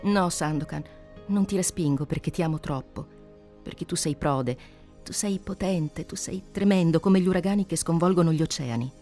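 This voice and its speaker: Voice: mid-range voice, normal speed, darkish tone, faint music behind, natural voice. A reader voicing a devoted young woman in love, speaking earnestly and with emotion.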